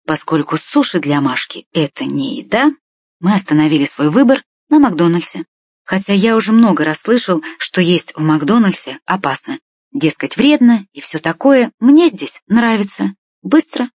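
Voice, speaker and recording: Woman reading a first-person story, steady and plain, dry muffled audio. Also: on the low side, slightly rough, no room sound. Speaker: audiobook reader.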